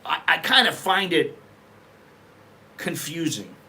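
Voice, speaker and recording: A middle-aged man from America talks in a loose, rambling vlog style, blunt and quick to swear. His voice sits a little high and rings bright and forward. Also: big pitch swings. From United States. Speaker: vlogger. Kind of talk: casual opinion vlog. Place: living in Bangkok.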